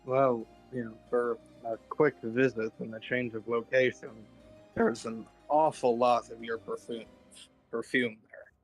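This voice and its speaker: A man's voice: mid-range voice, fairly even intonation, unhurried, breathy edge, soft background music, low-quality recording. A man playing a tabletop roleplaying game, casually asking questions in play.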